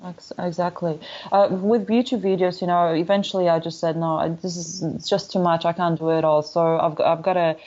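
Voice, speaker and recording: A woman's voice: on the low side, steady tone, a little fast, dark tone, highs cut off. A woman in her thirties from Poland with a Polish accent, talking candidly in a casual interview, full of restarts and "you know" fillers. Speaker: guest, motorcycle traveler.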